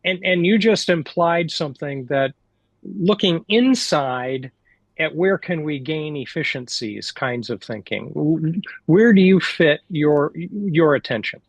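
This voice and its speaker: A man's voice: fairly high pitch, animated, slow, dry recording. A man hosting a business podcast, introducing his guest and asking questions in a friendly, encouraging way. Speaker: podcast host.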